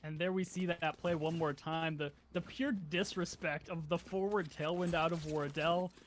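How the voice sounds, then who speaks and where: Guy doing color commentary on a game match, high voice, animated, little hiss. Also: normal speed. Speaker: esports caster.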